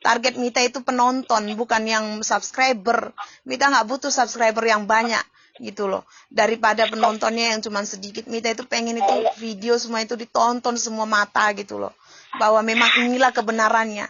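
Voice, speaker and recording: A woman's voice: fairly high pitch, flat delivery, a little fast, a bit bright, a little hiss or hum. A woman pastor in casual chat who talks emotionally and refers to herself by her own name. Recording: dull lo-fi recording.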